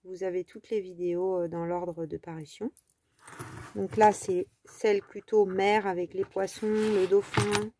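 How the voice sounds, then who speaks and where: A woman's voice: on the low side, background noise. A French woman hosting a casual crafting tutorial, talking in a chatty, rambling way with many fillers.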